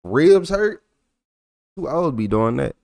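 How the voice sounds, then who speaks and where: A man's voice: on the high side, big pitch swings, unhurried, gravelly, darkish tone, no echo, studio quality. A young man with a thick Texas accent, chatting loosely on a livestream and reacting to messages from his chat. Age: young adult. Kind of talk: casual livestream chat reading comments.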